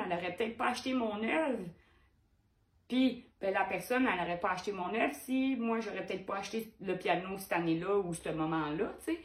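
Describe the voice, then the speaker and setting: A woman's voice: mid-range voice, roomy sound. A woman painter with a Québécois French accent, talking frankly and animatedly to her viewers, firing rhetorical questions. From Quebec. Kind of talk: direct-to-camera vlog.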